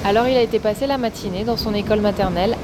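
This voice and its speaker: A woman narrating a cycling travel story in a calm, scripted way. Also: mid-range voice, racing, heavy background noise. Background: loud children's music.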